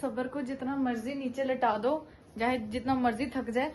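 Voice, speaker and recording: High-voiced woman chatting to a toddler. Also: steady tone, normal speed, heavy background noise. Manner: talks to a small child, coaxing and fond. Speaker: vlogger. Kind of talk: casual vlog talk.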